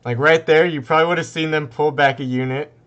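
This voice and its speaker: A man's voice: a little high, fairly even intonation, a little fast, a bit bright, clear, resonant tone, muffled recording. A man casting a strategy game tournament live, rambling casually with lots of fillers and frequent laughter. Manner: laid-back and rambling, laughs often, many fillers. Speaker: esports caster.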